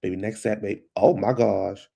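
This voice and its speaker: Here a stuffy-nosed man with a fading voice speaks at a moderate pace in a dark, lowish register, breathy and laced with vocal fry. Rambling loosely as a vlog host at his home computer, he keeps the solo chat casual and calls listeners baby.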